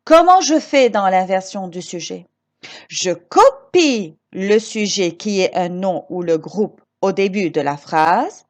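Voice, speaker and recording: A woman teaching grammar to children, slow and emphatic, repeating each example and encouraging her pupils with questions. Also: medium pitch. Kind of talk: recorded grammar lesson for children.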